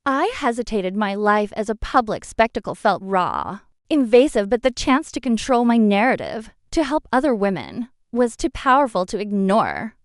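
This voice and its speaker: A woman narrating a dramatic first-person revenge story in an expressive storytelling manner. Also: mid-range voice, normal speed, hardly any pauses, no echo, clean studio sound.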